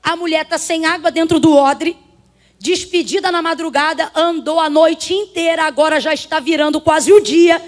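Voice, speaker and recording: A Brazilian woman preaching a sermon to a congregation, emphatic and swinging from soft talk to shouts as she calls on the listeners. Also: very high voice, steady tone, moderate pace. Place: church before a congregation.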